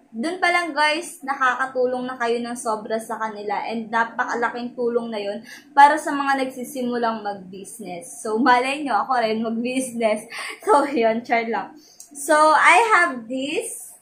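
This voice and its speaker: A woman's voice: high-pitched, a little hiss or hum. A young Filipino woman chatting casually in a try-on haul vlog, chatty and giggly, mixing English into her talk. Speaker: vlogger. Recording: echoey room with loud background music. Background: loud upbeat pop music.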